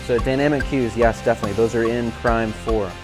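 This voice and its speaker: A man's voice: medium pitch, a little fast. Casual man demoing an app over music. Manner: relaxed, chatty, with fillers. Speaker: worship leader presenting an app. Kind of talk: casual software demo. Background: backing tracks playing.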